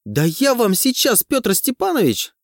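A man doing a shrill, furious woman official. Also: wildly swooping pitch, a little slow, mellow, no echo, clean studio sound, heavily acted. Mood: shrill angry. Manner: screeching, commanding.

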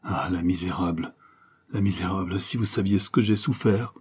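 A man reading an audiobook, voicing a young mother who speaks in a hushed, trembling way. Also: low voice, normal speed, husky. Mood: shaken. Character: young mother, shaken and tearful. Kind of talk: audiobook character voice.

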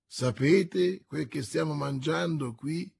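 A man's voice: on the high side, slow, gravelly, a little mellow, a little hiss or hum, heavily acted. Athos, a man doing a dry sardonic musketeer. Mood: wry. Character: dry, ironic older male musketeer, calm and sardonic.

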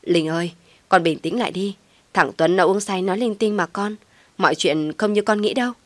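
A woman voicing a worried, anxious old mother who talks in a hurried, fretful way. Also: mid-range voice, dry recording, lightly acted.

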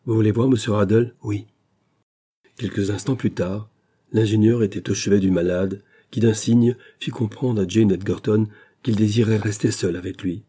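A man narrating a classic adventure novel as an audiobook, in a measured storytelling manner. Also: fairly low pitch, fairly even intonation, warm tone, slightly rough.

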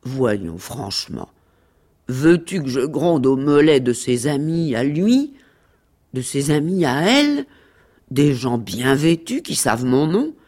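A woman reading aloud as a timid, affectionate little dog, with a slow, lilting literary delivery in an archival radio reading. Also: very deep voice, sing-song, warm tone, pitched above the performer's own voice, exaggerated voice. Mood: earnest. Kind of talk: archival radio reading of a dialogue between animals.

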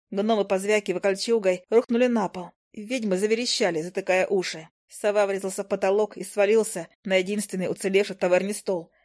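Russian woman narrating a lively fantasy audiobook. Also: mid-range voice. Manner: lively, expressive reading with shouted quotes.

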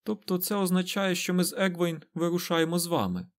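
A man voicing a sharp-tongued young village healer woman in an audiobook, with a dry, defiant tone. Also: sits high, animated, fairly quick, pitched above the performer's own voice.

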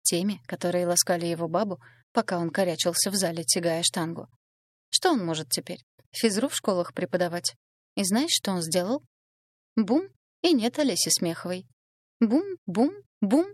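A woman's voice: fairly low pitch, a little fast, dry recording, studio quality, close to an everyday voice. A woman voicing a spiteful, scheming young woman who sneers and mocks. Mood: gloating. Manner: sneering, venomous. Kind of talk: audiobook dialogue reading.

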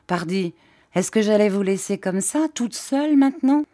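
A woman's voice: mid-range voice, lively intonation, moderate pace, dark tone, no room sound, clean studio sound, close to an everyday voice. A woman voicing an older female farm servant who is blunt and affectionate, with rustic dropped syllables. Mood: tearful.

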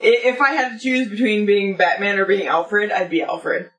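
A woman co-hosting a podcast, talking loudly and emphatically with constant swearing. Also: medium pitch, steady tone, moderate pace, reverberant, recorded from a distance. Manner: loud, profane, emphatic. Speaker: podcast co-host. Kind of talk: casual drunk chat.

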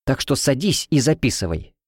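A man voicing a sharp-tongued, irritable young woman who shares a room, speaking in a scolding, snappy way. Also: mid-range voice, very animated, moderate pace, breathy edge, no echo, clean studio sound, voice pushed up. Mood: insistent.

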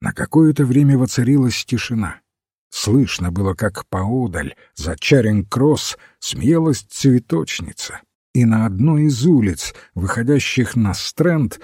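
Slow, husky male audiobook narrator. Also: medium pitch, no echo, studio quality. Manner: measured, even storytelling. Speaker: audiobook reader. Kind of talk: scripted narration.

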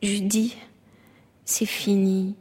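An actress playing a lonely, fragile woman who speaks slowly and often in a whisper, in a stage play. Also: mid-range voice, level tone, breathy edge, big-room sound. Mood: hushed. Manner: slow, hushed, often whispering.

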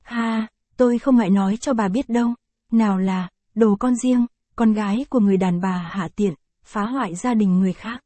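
A woman's voice: mid-range voice, normal speed, dark tone, dry recording, natural voice. A woman voicing a cruel, brutal old patriarch in a read-aloud story, talking in a harsh, scornful and threatening way.

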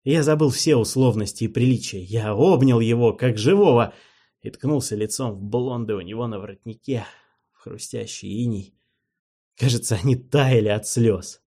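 A man reading a dark fantasy novel as a first-person audiobook narrator, measured, low and confessional.

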